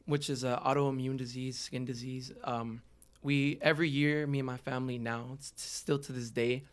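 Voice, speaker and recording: Speaking at a moderate pace in a clear, resonant medium-pitched voice, a Los Angeles-area hip-hop artist shares his personal story on a podcast. His delivery is flat, but his language is informal and full of slang.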